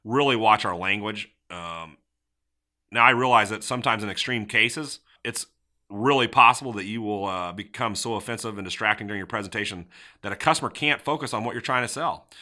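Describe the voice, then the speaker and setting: Man, middle-aged, podcast host, very bright voice, lively coaching talk, acts out examples. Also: on the low side. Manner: animated, acts out sample lines with shifting tone. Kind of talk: casual motivational sales talk.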